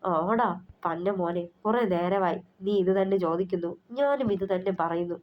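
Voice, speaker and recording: A woman's voice: fairly low pitch, normal speed, lightly acted. A woman voicing a protective older brother, a young man who talks bluntly and scolds his friend. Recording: slightly muffled recording.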